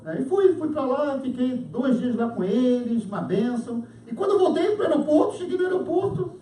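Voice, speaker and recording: High-voiced Brazilian pastor preaching. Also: male voice, normal speed. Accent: Brazilian Portuguese. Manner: animated storytelling, acts out dialogue with laughter. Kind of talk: sermon. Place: church hall. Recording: echoey church hall, from a distance.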